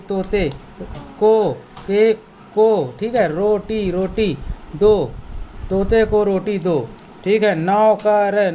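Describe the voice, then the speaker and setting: Slow, high-voiced man teaching reading. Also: mellow, a little hiss or hum. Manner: reads words slowly syllable by syllable, repeating each, with quick explanations; scolds students to pay attention. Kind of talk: online Hindi reading lesson.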